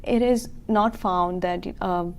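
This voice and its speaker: A woman's voice: lowish voice, slow pace, slight background noise. A woman in her thirties from Kuwait, a school founder explaining her business in a local TV interview, earnest and full of fillers. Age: 30s.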